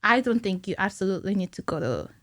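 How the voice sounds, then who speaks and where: Very animated and fast, this woman's medium-pitched voice comes across a bit bright, with no echo. She's around her thirties, an animator guesting on a podcast, explaining things in a giggly, informal way during casual interview chat. She's in a small indoor podcast studio, recorded on a close studio mic on a stand.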